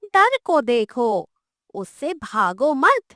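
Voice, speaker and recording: A woman voicing a mysterious female witch who sells pizza in a cartoon story, speaking slowly and soothingly. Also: sits high, very animated, bright, forceful tone, no echo, clean studio sound, full character voice. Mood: calm, knowing. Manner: slow, soothing, knowing.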